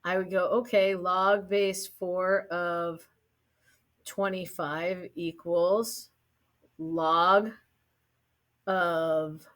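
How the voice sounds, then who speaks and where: A woman's voice: fairly low pitch, fairly even intonation, extremely slow, pauses often, fairly bright tone. A woman teaching a math class in a casual lecture, often checking in with her students and adding light jokes. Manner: casual, keeps checking in with "right?"; light joking asides to students.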